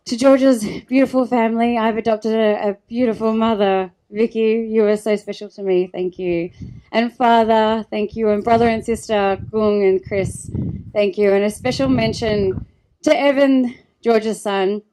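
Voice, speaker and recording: A woman in her thirties giving a heartfelt, tearful wedding speech, halting and restarting as she speaks. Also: on the high side, steady tone, warm tone. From Australia. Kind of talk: emotional wedding thank-you speech.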